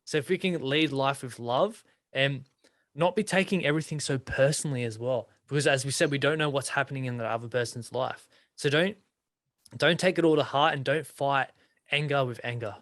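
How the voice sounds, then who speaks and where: A man's voice: medium pitch, brisk, dry recording. Man hosting a podcast, dry sound. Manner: relaxed, earnest, asks follow-up questions. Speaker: podcast host. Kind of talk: casual conversational interview.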